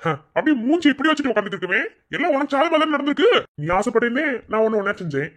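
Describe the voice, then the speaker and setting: Cartoon figure, sly scheming villager played by a man, Madurai Tamil accent, mocking, high-pitched. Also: very animated, very fast, fairly bright tone, full character voice.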